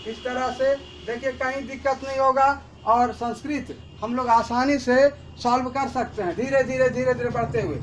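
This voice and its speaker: A male teacher giving a Sanskrit grammar lesson, slowly repeating each form for students to copy. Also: very high-pitched, steady tone, a little hiss or hum. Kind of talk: classroom lesson.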